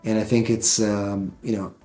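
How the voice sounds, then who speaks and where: Male podcast host, mid pitch, rambling, echoey home studio. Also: level tone, moderate pace, mellow, faint music behind. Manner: rambling, many fillers and restarts. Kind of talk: casual interview.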